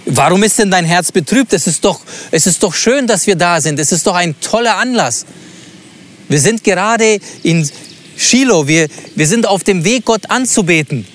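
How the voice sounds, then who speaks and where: A man voicing a gentle biblical husband who pleads with his wife in earnest, coaxing questions. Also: on the high side, unhurried, pauses often, close to an everyday voice. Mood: pleading.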